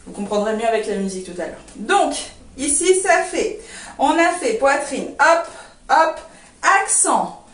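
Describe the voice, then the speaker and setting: A woman's voice: on the high side, big pitch swings, moderate pace. A woman teaching a belly dance routine, calling out moves and counts as she demonstrates, checking in reassuringly with her students. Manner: counts steps and names moves while demonstrating; reassuring, often asks "d'accord?". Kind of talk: online belly dance class. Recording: roomy, far from the mic.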